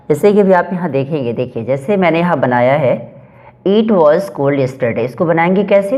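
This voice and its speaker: A male teacher giving a grammar lesson, reading each English example slowly and then explaining it step by step, asking and answering his own questions. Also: mid-range voice, a little mellow. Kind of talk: classroom lesson explaining exercises.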